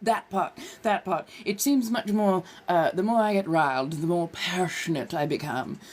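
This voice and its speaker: She's a livestream host from California with a fairly low voice and normal speed, chatting casually in a put-on posh colonial American accent. Her affected, genteel phrasing includes calling listeners dears and darlings.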